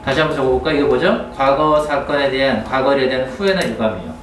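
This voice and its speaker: A male teacher giving a grammar lecture to a class, often checking in with quick questions. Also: medium pitch, a little hiss or hum. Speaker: English teacher. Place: classroom with students. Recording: roomy classroom, mic at a distance.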